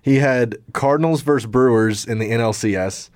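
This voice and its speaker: Man, co-host, casual sports talk, mid-pitched, dry recording. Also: moderate pace, darkish tone, no room sound. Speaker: podcast co-host.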